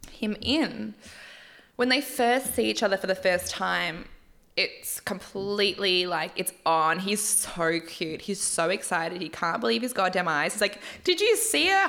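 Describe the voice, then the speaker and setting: A woman's voice: medium pitch, gravelly, a bit bright. A young woman hosting a podcast in a casual, candid chat, tired, swearing freely and laughing often. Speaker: podcast host recapping a dating show. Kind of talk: casual chatty recap.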